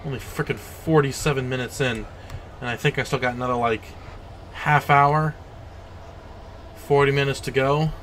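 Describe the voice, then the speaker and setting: A man's voice: mid-range voice, steady tone, normal speed, pauses often, a bit bright. A man giving casual horror game commentary as a streamer, reacting to the game with exasperation. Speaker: let's play streamer. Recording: clearly noisy, game ambience behind. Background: horror video game ambience and effects.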